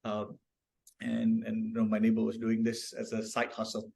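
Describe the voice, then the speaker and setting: A man's voice: fairly low pitch, completely flat delivery, normal speed, gravelly, darkish tone. A man from Malaysia, a founder guest on a podcast, telling stories reflectively, with many restarts and tag questions. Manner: reflective, storytelling, frequent restarts and "right?" tags. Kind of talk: casual podcast conversation.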